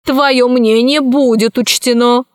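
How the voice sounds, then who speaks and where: Imperious queen read by a woman, audiobook role, cold and commanding, higher voice, measured slow delivery, dry sound. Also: steady tone, dry recording. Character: stern, imperious queen ruling a council. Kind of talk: audiobook character voice.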